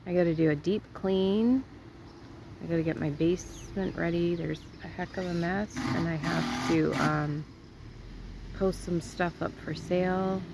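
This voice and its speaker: A middle-aged woman with a raspy, sore-throated voice, rambling through a casual story for her viewers with lots of fillers and laughter. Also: fairly low pitch, steady tone, measured pace, background noise. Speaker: vlogger.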